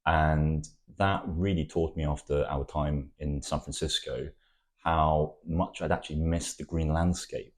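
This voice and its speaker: A Welsh architect whose first language is Welsh gives thoughtful, poetic interview answers, often pausing and restarting. He has a bass voice with a steady tone.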